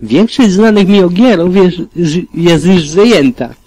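A man's voice: sits high, expressive, unhurried, mellow, voice pushed up, exaggerated voice, poor audio. A man voicing a shy, flustered young mare. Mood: sad. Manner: reading aloud, self-conscious and hesitant. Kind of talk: audiobook reading of fan fiction.

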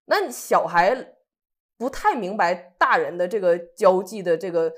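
Her voice sits fairly low and she takes her time. Still, this Northeast Chinese woman co-host is animated while recounting a personal story in casual chat, playing out what everyone said.

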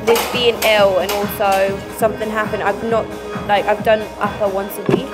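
A woman's voice: medium pitch, level tone, normal speed. A young woman chatting casually with a training partner in a large gym. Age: young adult. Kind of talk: casual chat. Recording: loud music, busy gym crowd behind.

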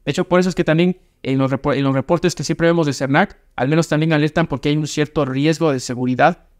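A man's voice: fairly high pitch, fairly even intonation, fast. A young man, hosting a casual car review chat, emphatic and opinionated, often restarting his sentences. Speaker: car channel host. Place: small studio set with brick wall. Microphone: desk microphone.

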